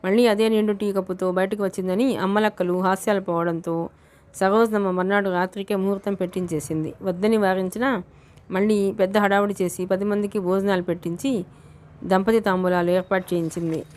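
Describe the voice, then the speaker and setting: A woman audiobook narrator reads a novel in a steady, even manner. Her mid-pitched voice stays flat and measured, with hardly any rise and fall from sentence to sentence.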